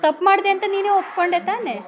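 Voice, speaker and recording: High-voiced woman scolding a child. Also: racing. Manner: scolding, repeated questions, insistent. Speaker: mother scolding her daughter. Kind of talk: home vlog, scolding a child.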